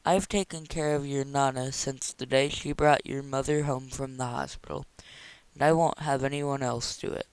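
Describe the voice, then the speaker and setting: A man's voice: mid-range voice, fairly even intonation, normal speed, clean tone, dry recording, close to an everyday voice, low-quality recording. A man reading aloud voices an elderly, loyal housekeeper who sputters indignantly.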